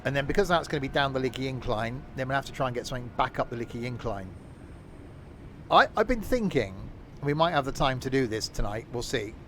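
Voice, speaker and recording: A man's voice: mid-range voice, lively intonation, quick pace, a bit bright, a little hiss or hum. Chatty sarcastic man streaming a train game. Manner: chatty, self-mocking sarcastic asides. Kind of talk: live game stream commentary.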